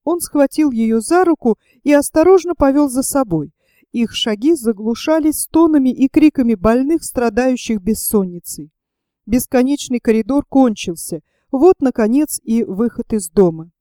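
A woman reads a novel aloud in a steady, measured audiobook style. Her voice sits a little high, yet it sounds dark and mellow. The recording is close and dry. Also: no echo. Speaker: narrator.

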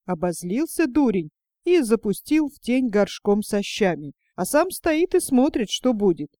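A woman tells an old folk tale in a steady, storybook way. Her voice sits a little high yet sounds mellow and soft-edged, recorded close and dry with no room around it. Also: unhurried, no echo. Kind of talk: fairy tale reading.

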